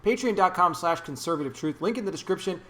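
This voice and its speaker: Man with a slightly high voice doing an indignant political vlog, preachy and repeating himself for emphasis. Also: animated, fast talker, a bit bright. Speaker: YouTube commentator. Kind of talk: opinionated political commentary vlog.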